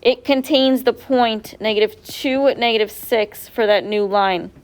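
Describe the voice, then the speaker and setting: A woman's voice: on the high side, unhurried. Woman math teacher, patient, walks through each step, quizzes her class. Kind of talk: classroom quiz review. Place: classroom with students.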